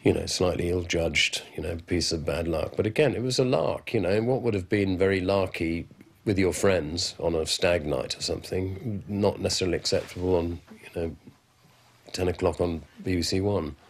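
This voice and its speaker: A man's voice: sits low, normal speed. A man recalling a comedy show in a chatty documentary interview, full of "you know". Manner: chatty, filler-heavy recollection. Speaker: interviewee, former show insider.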